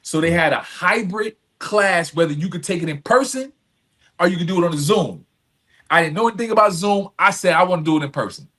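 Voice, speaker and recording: A community service advocate appearing as a podcast guest shares reflective personal stories in conversation. His voice is on the higher side and a bit bright, and he talks briskly and animatedly, earnest and emphatic, repeating phrases and often checking in with "right?".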